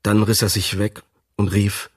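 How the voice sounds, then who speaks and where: A man narrating a classic novel for a radio reading, with an expressive, dramatic delivery. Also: lowish voice, measured pace, husky. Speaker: audiobook narrator. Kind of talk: scripted literary narration.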